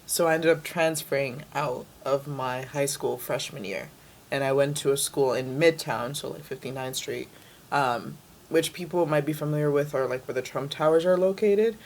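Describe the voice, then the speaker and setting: A woman's voice: sits low, moderate pace, a little mellow, slight background noise. A young woman from the Dominican Republic, raised in New York City, talking casually as an interview guest with lots of "like" fillers. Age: young adult. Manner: chatty, many "like" fillers.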